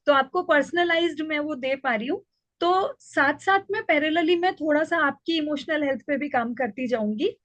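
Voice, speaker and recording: A woman teaching an online parenting class in a calm, explaining way. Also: high-pitched, moderate pace, no echo, lo-fi sound. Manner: calm, explanatory, acts out child and mother lines. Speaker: parenting coach.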